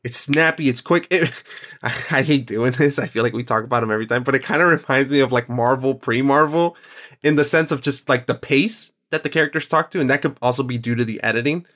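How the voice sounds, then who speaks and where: A man's voice: medium pitch, quick pace, fairly bright tone. A male podcast host chatting casually and enthusiastically, often rambling and correcting himself as he goes. His delivery is loose and conversational, with fillers throughout. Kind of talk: casual chat.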